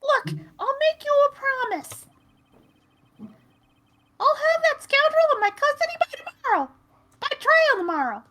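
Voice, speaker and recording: A voice actor playing an excitable male detective with a high, squeaky helium voice in a live fan dub. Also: a little slow, pauses often, heavily acted. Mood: hearty. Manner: hearty, calls people pal. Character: excitable adult male detective, friendly and loud. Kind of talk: live fan voice acting of a game.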